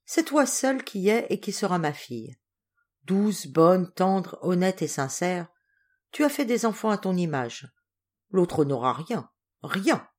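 A woman's voice: fairly low pitch, sing-song, measured pace, a little mellow. A woman voicing a stern, irascible old male general in a storybook reading, speaking harshly. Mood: tender. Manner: harsh, scolding.

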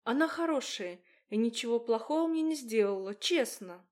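A woman voicing a flustered, shy young woman in an audiobook, giving hurried, nervous replies. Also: a little high, expressive, natural voice.

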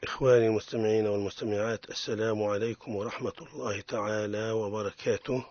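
A man with a Tunisian accent hosting a radio lesson on Quran recitation, explaining each rule slowly and repeating every example. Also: on the low side, fairly even intonation, dull audio. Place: radio studio.

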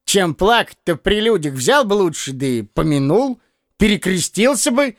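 Brief: man reading as a nagging, blundering old man for an audiobook, high, bouncy, fumbling his words, dry close sound. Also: very animated, moderate pace, no room sound. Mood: fussy. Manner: stammering, self-correcting, cackling.

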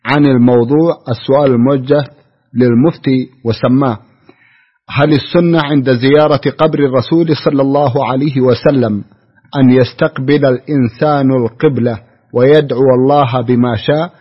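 A man presenting a radio program who formally reads a listener's question aloud, at a steady pace. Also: medium pitch, normal speed, breathy edge. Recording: dull lo-fi radio recording.

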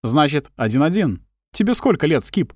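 A man's voice: a little high, big pitch swings, normal speed, darkish tone, no room sound, pitched above the performer's own voice. A man voicing a confident, wry adult male agent who teases his partner in a dry way. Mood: confident teasing. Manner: dry teasing, self-assured.

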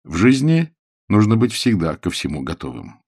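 Male storybook narrator, low-pitched, animated, recorded close and dry. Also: moderate pace, no echo. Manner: expressive, animated reading. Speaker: audiobook narrator. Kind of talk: scripted narration.

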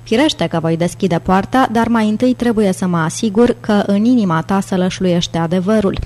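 A woman reading an audiobook, voicing a jovial, theatrical older British gentleman with a grand, playful manner. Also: mid-range voice, lightly acted.

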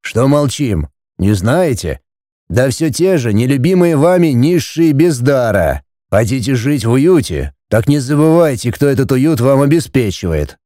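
A man voicing a stern middle-aged judge and father in an audiobook, speaking slowly and heavily as he lectures his family. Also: medium pitch, mellow, dry recording, clean studio sound, close to an everyday voice. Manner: slow, weighty, lecturing. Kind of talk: audiobook character voice.

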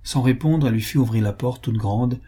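A man narrating a literary audiobook in a measured, expressive reading. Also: medium pitch, slightly rough.

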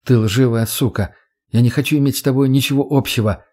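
A man voicing a blunt, sulky young swordsman in an audiobook, answering curtly and gruffly. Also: mid-range voice, a little fast, warm tone, natural voice. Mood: sullen.

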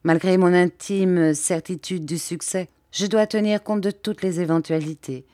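A woman's voice: fairly low pitch, fairly even intonation, dark tone, no room sound, lightly acted. Woman reading a grave, formal English scientist. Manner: measured, formal. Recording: dry close audiobook recording.

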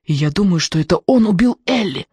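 A reader voicing a frightened teenage girl who pleads in a hushed, trembling voice. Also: medium pitch, expressive, brisk, slightly rough, no room sound, studio quality.

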